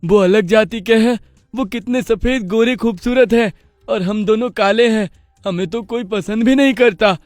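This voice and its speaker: A sulky, resentful young boy calf in a cartoon tale, played by a man. The voice sits high, and it is recorded close and dry. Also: normal speed, no room sound, lightly acted. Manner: bitter and resentful. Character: angry jealous young male calf.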